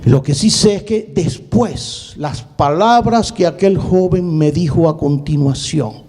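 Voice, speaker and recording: A male pastor telling a personal story in a sermon, dramatic, repeating words and swinging between quick bursts and slow, drawn-out phrases. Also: fairly high pitch, darkish tone, husky. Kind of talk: sermon testimony.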